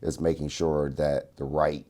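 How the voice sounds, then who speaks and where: A man's voice: very deep voice, flat delivery, unhurried, warm tone. A man who is a guest on an interview show, talking earnestly about his youth program and his faith. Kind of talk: casual interview chat.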